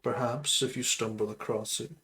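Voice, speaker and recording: A man voicing an undead male sorcerer lord in a tabletop game, speaking in a measured, grandiose way. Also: medium pitch, fairly even intonation, bright, forceful tone, slight background noise, lightly acted, rough recording. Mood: playful.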